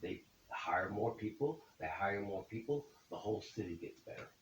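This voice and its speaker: Speaking in a lowish, animated voice at normal speed, a seventy-something accountant who owns his own business fields interview questions folksily, frequently finishing a point with "okay?". The mic sits far away, leaving a roomy echo and a faint hiss.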